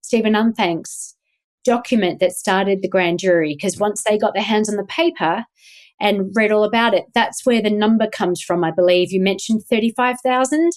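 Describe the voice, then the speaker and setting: A woman with a mid-range voice and a Melbourne accent speaks at a moderate pace. She's an Australian activist appearing as a guest in a casual interview, rambling with lots of ums and restarts.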